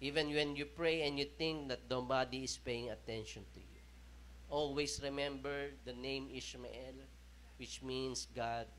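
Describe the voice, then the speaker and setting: A man's voice: very high-pitched, pushed and bright. A man with a Filipino accent preaching a sermon, mixing Tagalog and English and often checking in with "okay?". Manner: slow, emphatic preaching with rising and falling intensity. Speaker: pastor.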